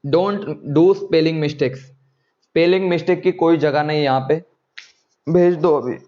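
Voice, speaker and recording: A man's voice: fairly high pitch, slow, dull audio. A man teaching chemistry in an online class, coaxing students and checking often whether they follow.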